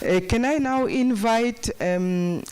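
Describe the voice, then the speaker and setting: A man's voice: extremely high pitch, slow pace, darkish tone, clean tone. A man chairing a conference session, hesitantly introducing the next speaker.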